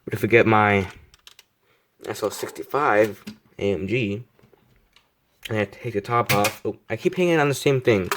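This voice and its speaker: Low-voiced young man rambling through a review. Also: moderate pace, long pauses, noisy background. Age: young adult. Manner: rambling, self-deprecating, repeats himself. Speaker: die-cast model reviewer. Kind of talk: casual product review.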